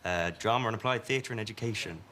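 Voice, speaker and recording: A man's voice: on the low side, quick pace, a loud crowd. A young man of about twenty, a student in the audience, answering hesitantly with many uhs. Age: around 20. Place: TV studio.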